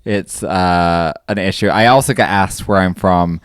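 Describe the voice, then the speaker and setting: A man's voice: low-pitched, unhurried, smooth, no echo, clean studio sound. A Scottish man, a podcast guest, chatting casually in a wry, self-deprecating way. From Scotland. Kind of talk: casual chat.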